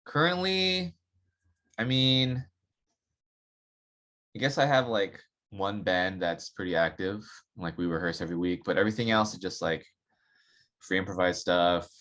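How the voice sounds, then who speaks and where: A man with a very low, deep voice speaks as a podcast guest. His talk is relaxed and rambling, padded with fillers as he thinks aloud about playing saxophone. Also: measured pace, pauses often. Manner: relaxed, rambling, filler-heavy with many "like" and "you know". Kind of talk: casual podcast interview.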